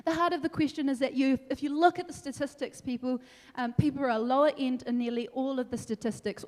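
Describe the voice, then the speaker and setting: A young woman from New Zealand giving an energetic, animated debate speech, laughing between points. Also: sits high. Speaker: debate speaker. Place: large council meeting hall. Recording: long hall reverb.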